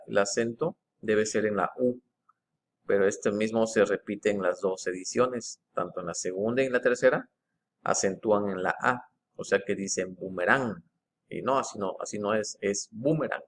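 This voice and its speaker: Man, lowish voice, patient screen-share walkthrough, reads passages aloud and points out wording changes. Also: steady tone. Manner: slow, methodical, stops to reread passages.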